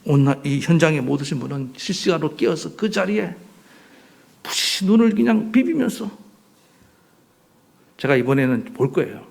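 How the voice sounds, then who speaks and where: Male pastor, sermon voice, high and lively, gravelly edge, soft-to-loud delivery. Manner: animated preaching, swinging between soft near-whispers and loud outbursts.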